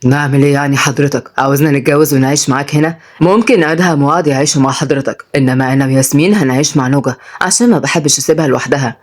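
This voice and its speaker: A woman's voice: a bass voice, rapid-fire, few pauses, pitched below the performer's own voice. A woman voicing a jealous, protective young man who speaks bluntly and irritably with an Egyptian accent. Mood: annoyed. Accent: Egyptian Arabic.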